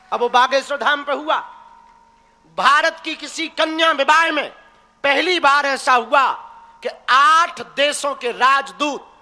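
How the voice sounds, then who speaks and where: A man's voice: very high voice, pushed and bright, long reverb tail. A man preaching a devotional sermon to a crowd, teasing and blunt, speaking straight at his listeners. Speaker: spiritual preacher.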